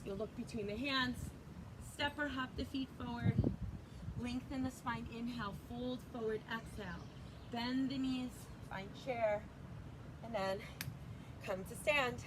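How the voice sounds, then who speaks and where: A woman's voice: on the high side, unhurried. Chatty yoga teacher woman, outdoor noise. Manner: chatty, cueing breath and poses. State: slightly out of breath. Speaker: yoga instructor. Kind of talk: casual yoga instruction.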